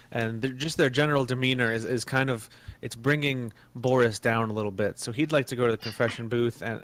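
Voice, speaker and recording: A man's voice: medium pitch, a bit bright, slight background noise. A man playing a tabletop game, speaking hesitantly and politely with many fillers over an online call. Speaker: player. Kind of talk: in-character tabletop play.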